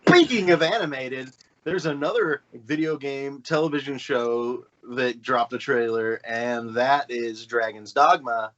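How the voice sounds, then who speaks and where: A man's voice: medium pitch, unhurried, few pauses, fairly bright tone. A man co-hosting a gaming podcast, chatting casually and rambling with plenty of fillers and restarts. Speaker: podcast co-host. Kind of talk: casual chat. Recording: dull lo-fi podcast audio.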